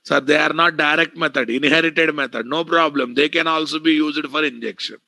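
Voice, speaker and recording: A man's voice: on the high side, steady tone, fairly quick, creaky, sharp tone, no echo. A man with an Indian Telugu accent teaching a live online programming class, bluntly addressing students and repeating key phrases. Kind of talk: live online technical lecture.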